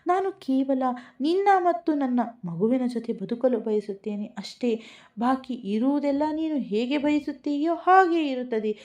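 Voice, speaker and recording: A woman's voice: sits high, expressive, moderate pace, a little mellow, pitched above the performer's own voice. A woman voicing a heartbroken young man who pleads with a choked, tearful voice. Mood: tender. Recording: dull lo-fi recording.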